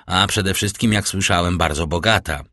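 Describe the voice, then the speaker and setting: Man doing a cool ironic count, lowish voice, slow and measured, dry sound. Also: bright, forceful tone, no room sound. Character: calm, ironic, worldly older nobleman count. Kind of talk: audiobook character reading.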